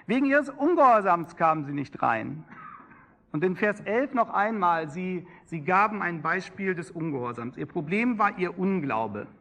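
A man's voice: sits high, expressive, moderate pace, fairly bright tone. A man preaching a sermon with an emphatic, rising and falling cadence.

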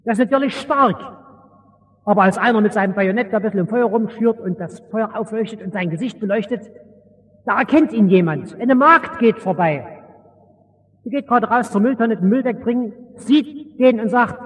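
High-voiced preacher in a reverberant hall. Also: male voice, moderate pace. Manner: vivid, colloquial storytelling with dramatic swings in loudness. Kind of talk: sermon retelling a Bible story. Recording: long reverb of a large hall.

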